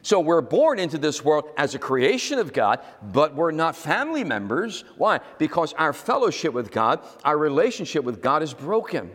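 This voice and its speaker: A man's voice: fairly high pitch, big pitch swings, moderate pace, hardly any pauses, a bit bright. Man preaching a sermon, echoey hall. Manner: teaching, repeats key words, asks the congregation to respond. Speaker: pastor.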